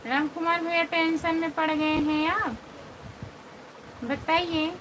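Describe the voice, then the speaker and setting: A woman with an Awadhi accent hosts a casual live stream on her phone, talking to viewers in a high voice. She speaks at a slow, unhurried pace and teases them playfully, with steady ambient noise behind her. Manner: playful, teasing, answers comments by name. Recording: noisy background ambience.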